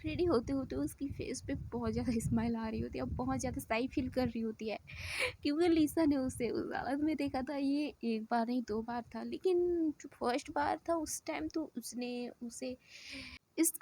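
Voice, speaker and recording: A woman's voice: on the high side, warm tone, husky. A woman telling a romance story in a chatty, casual way, repeating phrases and correcting herself.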